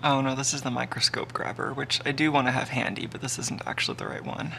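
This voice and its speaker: Gravelly-voiced man streaming a workshop build. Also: mid-range voice, fast, bright, forceful tone, slight background noise. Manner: thinking aloud with fillers and self-corrections. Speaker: live streamer building an electronics kit. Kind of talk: casual live-stream chat. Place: home workshop.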